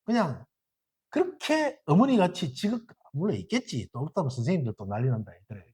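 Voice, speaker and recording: Man, Gyeongsang accent, Buddhist sermon, husky voice, pitch swinging up and down. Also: a little fast. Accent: Gyeongsang Korean. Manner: lively, asks the audience rhetorical questions. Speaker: Buddhist dharma teacher. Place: temple dharma hall.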